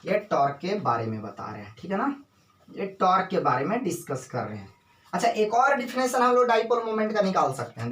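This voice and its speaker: A male physics teacher gives a classroom lecture, firing questions at his students and answering them himself. He drags out key definitions slowly, word by word. His voice comes from some distance away and rings in an echoey room. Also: high-pitched, a bit bright.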